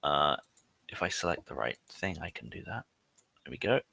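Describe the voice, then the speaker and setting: A man's voice: a bass voice, sing-song, normal speed, gravelly, pushed and bright, no echo. A man talking casually as a player in a tabletop game, hesitant and thinking aloud.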